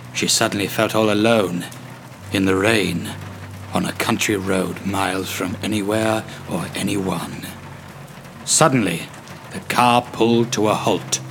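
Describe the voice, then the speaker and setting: A man's voice: on the low side, gravelly, background noise. A man reading a darkly comic story in a wry, dramatic storytelling manner. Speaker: narrator. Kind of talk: scripted story narration.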